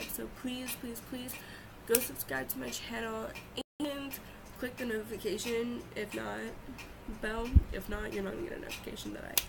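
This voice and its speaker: Young female vlogger, slightly high voice with heavy fry, halting casual chat, loud fans in the bedroom. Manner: informal, halting, repeats words for emphasis. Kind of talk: casual confessional vlog chat. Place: bedroom at home. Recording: loud fan noise in room. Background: two loud fans running.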